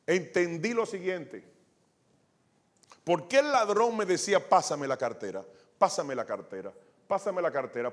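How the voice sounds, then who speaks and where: Animated male pastor preaching. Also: high voice. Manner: storytelling, acting out quotes, many restarts. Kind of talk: sermon with testimony.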